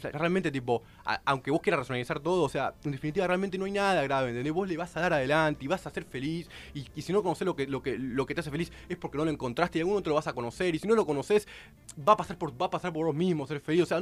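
A man with a Rioplatense Spanish accent, a radio host arguing his point in a heated panel debate, talking in rapid bursts full of restarts. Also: a little high. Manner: rapid, excitable, many restarts.

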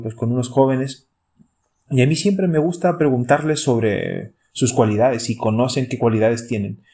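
Chilean man in his thirties, priest hosting a podcast, reflective, mid-pitched voice, asks listeners questions. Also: dark tone. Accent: Chilean Spanish. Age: 30s. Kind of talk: casual pastoral podcast talk.

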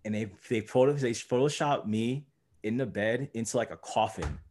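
A man's voice: mid-range voice, normal speed, darkish tone, a little hiss or hum. A young man, a guest, telling a story casually and filling his talk with "like" and "you know". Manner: rambling, heavy use of "like" and "you know".

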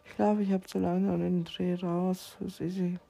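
A woman vlogger rambling in a drifting, dreamy way, thinking aloud and now and then dropping to a soft whisper. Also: lowish voice, level tone, normal speed, vocal fry. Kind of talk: rambling casual monologue.

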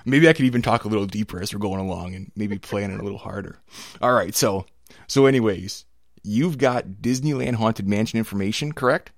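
A middle-aged man with a gravelly voice, a little hoarse from a cold, hosting a casual podcast as an enthusiastic, rambling storyteller. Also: on the low side, brisk, dry recording, clean studio sound. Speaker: podcast host.

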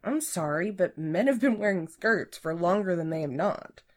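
A woman's voice: lowish voice, expressive, normal speed, pitched above the performer's own voice. A woman reading aloud and voicing a cheeky young male employee who stays polite and mock-innocent. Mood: pointed.

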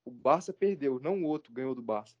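A man's voice: mid-range voice, lively intonation, fast talker, a little mellow. A Brazilian man in casual football banter as a podcast co-host, slangy and argumentative. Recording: dull lo-fi podcast audio.

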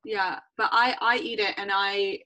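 Bright-voiced woman podcast co-host. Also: medium pitch, measured pace. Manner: relaxed, reflective, filler-heavy. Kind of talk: casual podcast chat.

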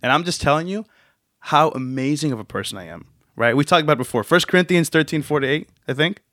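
A man's voice: fairly high pitch, lively intonation, fast talker, no echo, studio quality. A young man co-hosting a casual faith podcast, playful and acting out little scenes as he explains. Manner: playful, acts out scenes with shouted put-on voices. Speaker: podcast co-host.

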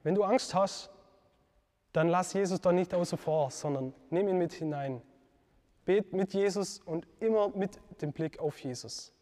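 A man gives a devotional teaching talk in a slightly high voice, earnest and reflective. He pauses with fillers and corrects himself as he goes. His voice rings with a long reverb. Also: a little mellow.

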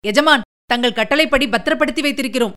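A woman reading the part of a servile male palace guard, hurried and pleading before his master. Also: high voice, a bit bright.

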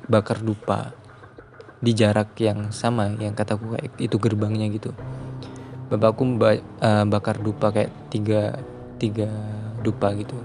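Flat, gravelly man telling a ghost story. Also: lowish voice. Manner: rambling, repeats and restarts phrases, hushed on eerie parts. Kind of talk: casual horror story telling.

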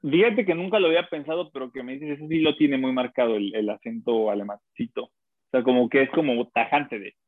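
A man's voice: mid-range voice, fairly quick, no echo. Guy joking around in a casual chat, dry tinny line. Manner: jokey, laughing, does silly impressions. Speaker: podcast co-host.

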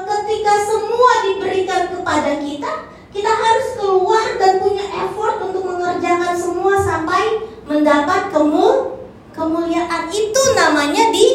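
A woman in her forties delivers a church sermon with a very high voice. She preaches in a lively, humorous storytelling way. The sound is very echoey, as if recorded in a large church hall. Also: slight background noise. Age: 40s.

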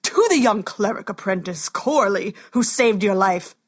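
A woman narrator voicing a commanding male king who thunders formal proclamations, loud and stately. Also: mid-range voice, sing-song, slow, exaggerated voice.

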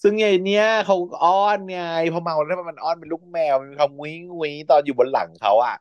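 A man's voice: on the high side, expressive, quick pace, clean tone, no room sound, lo-fi sound. A man hosting a podcast, retelling a series in a chatty, playful way and laughing often. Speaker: podcast host. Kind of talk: casual chat recapping a TV series.

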